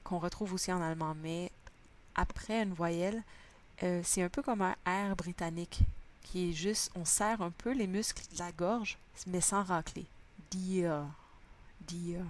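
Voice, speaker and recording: A woman's voice: fairly low pitch, normal speed, a little hiss or hum. A woman teaching a language lesson, patiently spelling out sounds word by word. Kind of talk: slow spoken lesson.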